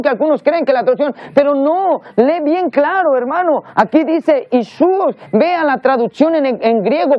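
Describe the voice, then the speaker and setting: A man's voice: extremely high pitch, no echo. A man preaching a teaching sermon, explaining earnestly and repeating words as he searches for the next one. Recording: dull lo-fi sound.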